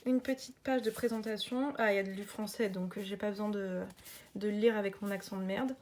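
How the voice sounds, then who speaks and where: A woman's voice: mid-range voice, steady tone, fairly quick, heavy background noise. Chatty woman unboxing a card deck. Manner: chatty, enthusiastic, many hesitations. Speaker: tarot and oracle deck reviewer. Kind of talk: casual unboxing chat.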